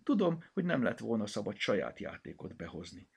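A small girl's voice, pitched far above the reader's own and swinging up and down, whiny and pleading, as a male storyteller puts her on. It has a husky, gravelly edge, like a storybook read aloud. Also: sing-song, heavily acted. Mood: sulky. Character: worried little girl, kindergartener.

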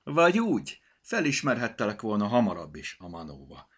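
A man voicing an earnest young male elf in a children's storybook, a gentle searcher of lost things. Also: deep voice, big pitch swings, husky, heavily acted. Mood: friendly.

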